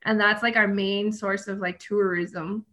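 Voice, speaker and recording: A woman from New Mexico talks as a podcast guest, chatty and quick to jump in with her own stories. Her voice is bright and forward at an average pitch. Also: fairly even intonation. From New Mexico, USA. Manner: chatty and laughing, jumps in with her own anecdotes. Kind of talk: casual podcast chat.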